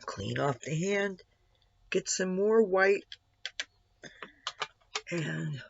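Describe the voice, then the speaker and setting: A man with a slightly gravelly voice giving a casual makeup tutorial, narrating each step and adding candid asides. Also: sits high, animated, very slow, slight background noise. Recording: dull, lo-fi sound.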